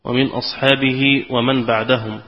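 A man reads a scholarly text aloud in a formal, measured way, his delivery flat with little rise and fall. The sound is muffled and lo-fi, with a long hall echo behind him. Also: medium pitch. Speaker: student reading the text aloud. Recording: lo-fi recording in a reverberant hall.

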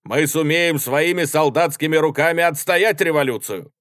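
A man voicing a spiteful, hostile soldier who speaks loudly and accusingly, in a dry audiobook reading. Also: fairly high pitch, normal speed, dry recording, voice pushed up, natural voice. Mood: hateful. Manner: loud, sneering, accusing.

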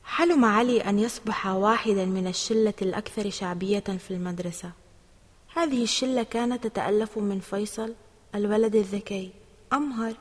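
A woman narrating a children's storybook in an expressive, steady reading voice. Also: medium pitch, big-room sound.

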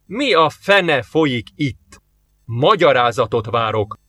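A man's voice: medium pitch, big pitch swings, bright, forceful tone, no room sound. A man voicing a blunt male human envoy in an audiobook, firm and demanding.

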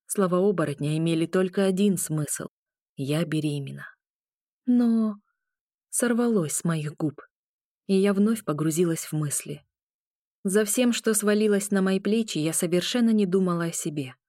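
A woman's voice: on the low side, moderate pace, mellow, no room sound, studio quality. Woman narrating a novel in first person. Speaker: audiobook narrator.

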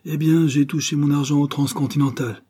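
A man reading aloud plays a passionate young writer who speaks eagerly and emphatically, somewhat above his own pitch. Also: little pitch movement, a little fast, mellow, husky. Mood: insistent.

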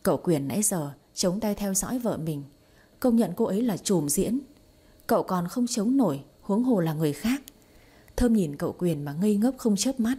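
Mellow, husky female storyteller. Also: mid-range voice, expressive, normal speed. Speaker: story narrator. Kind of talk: scripted narration of a romance story.

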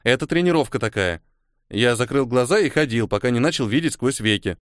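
Brief: unimpressed boy, curt deadpan answers, read by a man in his own voice; dry close sound. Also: medium pitch, brisk, no room sound, close to an everyday voice. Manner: flat, curt deadpan replies. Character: calm, dry nine-year-old boy, unimpressed.

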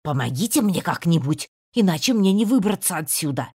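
Lady doing a chubby tomcat, strained indignant yelps, husky. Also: fairly low pitch, sing-song, fairly quick, darkish tone, dry recording, studio quality, pitched above the performer's own voice. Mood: panicky. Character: plump male house cat, stuck and panicky.

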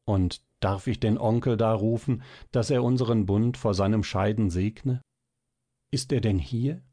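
A man reading a storybook voicing a tender, shy young woman, speaking softly in a slightly raised voice. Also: lowish voice, unhurried. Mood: wondering.

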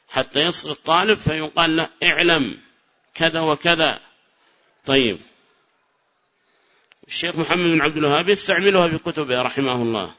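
A man from Yemen teaching a class, his voice bright and forceful and pitched somewhat high. He repeats each key phrase, stretches his example sentences out slowly and fires short questions at his students. The recording is dull and lo-fi. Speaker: teacher of Arabic grammar. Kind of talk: classroom grammar lesson.

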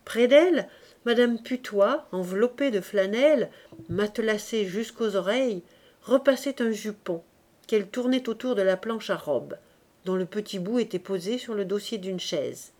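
A woman reading a novel aloud in a measured, even narration. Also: mid-range voice. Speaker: audiobook reader.

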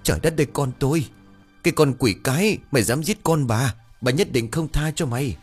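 A man voicing a frightened older mistress of a household, shrill and frantic, pleading and screaming in an audio ghost story. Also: lively intonation, moderate pace, slightly rough, faint music behind. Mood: hysterical.

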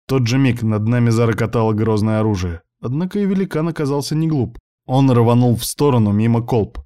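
A man's voice: on the low side, dark tone. Man narrating a first-person audiobook.

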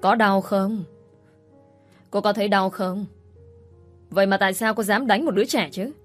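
A woman reading the lines of a young housemaid who speaks calmly and firmly. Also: medium pitch, normal speed, soft background music, lightly acted. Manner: calm, firm. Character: calm firm young housemaid.

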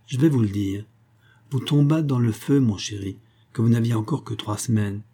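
A man's voice: medium pitch, moderate pace, warm tone, slightly rough, lightly acted. A man reading a storybook aloud, voicing a cunning, spiteful old grandmother who coaxes and wheedles. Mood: wheedling. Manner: wheedling, calls everyone dear.

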